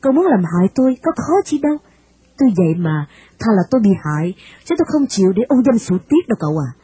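A woman's voice: medium pitch, big pitch swings, quick pace, dark tone, a little hiss or hum, natural voice. A woman voicing a poor, proud young woman who answers firmly and formally with indignation.

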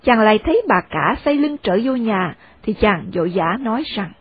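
Woman narrating a story, husky and dry. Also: mid-range voice, moderate pace, no echo. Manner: steady storytelling. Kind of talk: audiobook narration. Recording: dry, phone-like narrow sound.

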